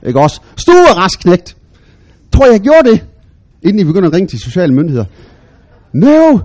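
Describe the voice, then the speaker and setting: A middle-aged man, preaching a sermon as animated storytelling with big, loud bursts when he quotes himself. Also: high-pitched.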